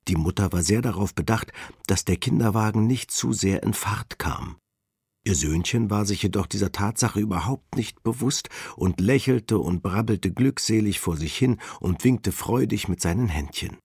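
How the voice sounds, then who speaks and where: A man giving a calm, measured reading of a spiritual text. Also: lowish voice, husky, dry recording, studio quality. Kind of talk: slow devotional reading.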